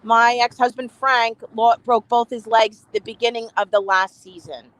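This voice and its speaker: A woman's voice: a little high, steady tone, moderate pace, fairly bright tone, no echo. A woman guest on a remote call with a bad connection, chatting emphatically and laughing often. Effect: remote call audio with a bad connection. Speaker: reality TV cast member, guest. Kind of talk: casual chat interview. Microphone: remote video call.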